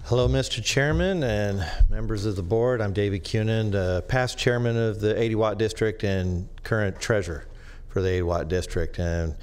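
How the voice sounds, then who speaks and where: A man who serves as a business district treasurer, addressing a county board haltingly with many restarts, in a meeting chamber at a podium microphone. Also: on the low side, smooth. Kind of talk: public comment at a government meeting.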